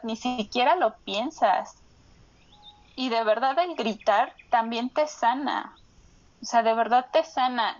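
A young woman earnestly recounting a home birth, acting out remembered speech in lively bursts. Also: fairly high pitch, dull audio. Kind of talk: casual personal account.

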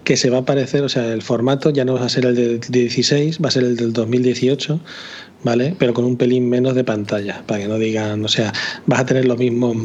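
A man's voice: mid-range voice, fairly even intonation, brisk, a little mellow, lo-fi sound. A man in a casual tech chat, explaining things confidently and swearing casually.

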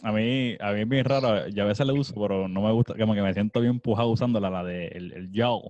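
A man's voice: fairly low pitch, quick pace, darkish tone, no echo, muffled recording. A man from Puerto Rico with a Puerto Rican Spanish accent, hosting a casual podcast conversation and rambling with many restarts. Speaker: podcast host.

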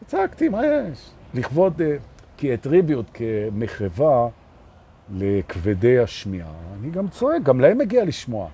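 A man giving a live spiritual talk. He moves between slow, emphatic teaching and playful, self-mocking jokes. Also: medium pitch, big pitch swings, warm tone, husky.

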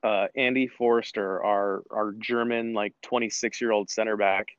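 A man chats about his soccer years in a low, unhurried voice full of restarts and fillers. The sound is dry and a bit muffled, with no room around it. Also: steady tone, no echo. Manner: rambling, many restarts and filler words. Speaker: former college soccer player, guest. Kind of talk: casual interview conversation.

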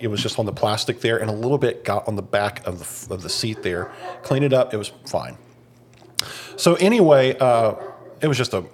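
A man co-hosting a podcast who tells long rambling stories in casual chat and acts out what people and dogs said. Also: mid-range voice. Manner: rambling storyteller, acts out quotes. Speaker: podcast co-host.

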